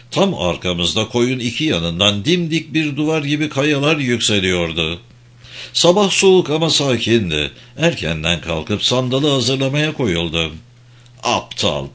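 A man narrating a first-person audiobook in an expressive reading style. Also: mid-range voice.

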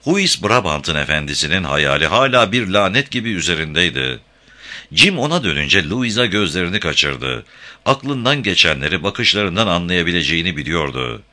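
A man narrating a novel as an audiobook in a measured storytelling delivery. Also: sits low, sing-song, bright, forceful tone. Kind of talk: scripted narration.

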